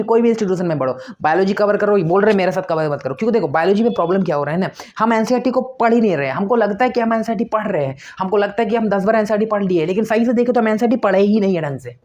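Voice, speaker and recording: A man's voice: sits high, a little mellow. A male exam-prep teacher giving motivational study advice to students, emphatic and repetitive, firing off rhetorical questions. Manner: emphatic, repeats points, asks rhetorical questions.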